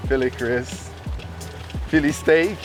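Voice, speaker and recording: A man's voice: on the high side, slow, faint music behind. Colloquial man with a Quebec French accent. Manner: colloquial, swears casually. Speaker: player in a filmed golf outing. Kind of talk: casual banter among friends.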